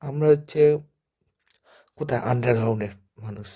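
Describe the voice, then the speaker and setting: A young man with a hoarse voice, chatting casually to viewers in a vlog. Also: medium pitch, a little fast, mellow. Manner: chatty, addresses viewers as guys. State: hoarse from the cold. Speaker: vlogger.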